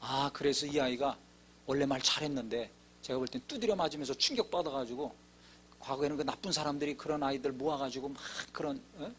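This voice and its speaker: A man's voice: medium pitch, fairly quick, slight background noise. A man preaching a sermon as pastor, telling a personal story with emphatic rises and acted-out dialogue. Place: church sanctuary.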